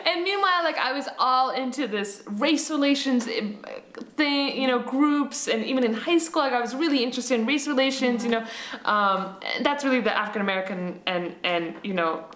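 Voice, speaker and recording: Animated young woman telling a story. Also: on the high side. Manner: animated, acts out quotes, laughs often. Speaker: interviewee. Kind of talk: casual storytelling interview. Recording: roomy echoey room.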